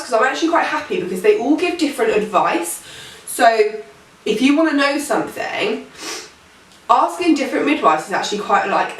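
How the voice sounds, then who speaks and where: A woman's voice: on the high side, fairly bright tone, distant mic. A pregnant young woman in her late teens, talks casually to camera. She rambles and fills her speech with "um" and "like". Her voice comes through an echoey room from a mic set back from her. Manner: rambling, chatty, many fillers. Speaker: vlogger.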